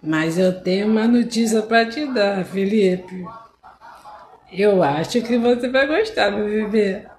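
A woman voicing a lovesick adult woman who leaves syrupy, drawn-out love messages for several men, in a comic sketch. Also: medium pitch, a little mellow, roomy sound, slight background noise, close to an everyday voice. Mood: giddy. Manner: syrupy, cooing, drawn-out endearments.

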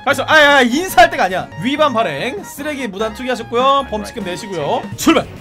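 Guy streaming a cop game, super high voice, jumps all over, yelling at npcs, music in the back. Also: quick pace. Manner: playful, animated, shouting commands at game characters. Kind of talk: live gameplay commentary.

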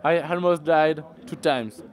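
A man with a French accent giving a post-race interview in English, excited and speaking in short, broken phrases. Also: fairly high pitch, a little slow. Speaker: interviewed racer.

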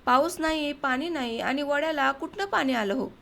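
A fretful village woman who scolds and worries in quick, sharp lines, read by a woman. The voice is high and light, an audiobook reader keeping close to her own sound. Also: gravelly. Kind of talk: audiobook dialogue reading.

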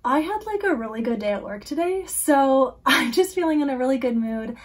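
Woman book vlogger, fairly high voice, going hoarse, casual and giggly, slips into near whispers. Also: lively intonation, fairly quick. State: losing her voice. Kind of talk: casual chat to camera.

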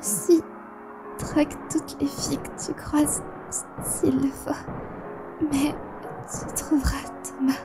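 A woman's voice: extremely high pitch, expressive, fairly quick, over music. A woman acting an affectionate, teasing young girlfriend in an audio drama, with a cutesy manner. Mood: dying, whispering.

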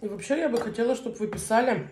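A woman in her thirties chats casually to viewers as a mukbang vlogger, talking in short, unhurried phrases with pauses as she eats. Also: fairly high pitch, expressive, a little mellow. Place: small indoor room at a table. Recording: roomy echo, faint noise, cutlery clinks. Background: cutlery and dishes.

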